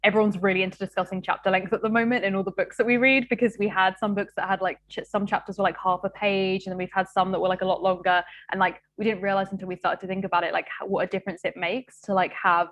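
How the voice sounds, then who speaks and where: A woman's voice: medium pitch, flat delivery, fast, hardly any pauses, fairly bright tone. Bubbly young woman host. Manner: bubbly, rambling, filler-heavy. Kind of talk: live-stream book chat.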